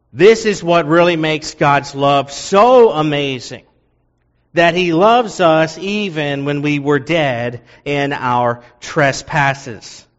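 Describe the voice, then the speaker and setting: A man's voice: fairly high pitch, big-room sound, dull audio. A man preaching an earnest sermon, explaining a passage and repeating key phrases for emphasis. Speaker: pastor.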